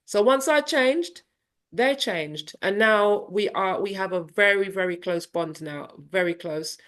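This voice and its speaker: Woman in her 50s telling her story, lively, jumps into voices for her kids, pretty candid. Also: mid-range voice, measured pace. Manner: animated, acts out family dialogue in voices; candid and reflective. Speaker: parenting coach guest. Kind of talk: personal storytelling interview.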